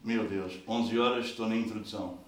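A male pastor with a European Portuguese accent preaching a sermon, lively, swinging from loud bursts to soft asides. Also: fairly low pitch, brisk. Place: large church hall. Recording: very echoey hall, mic at a distance.

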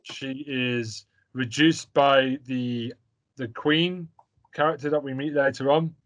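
A young man co-hosting a podcast chats casually about a film, offering opinionated, rambling takes with lots of fillers and repeated words. His voice is medium-pitched and steady, and he speaks slowly.

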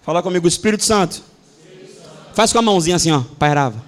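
High-voiced Brazilian pastor preaching fervently. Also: male voice, animated, fast. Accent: Brazilian Portuguese. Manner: emphatic and repetitive, swinging from hushed to shouted. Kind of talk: sermon. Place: church service.

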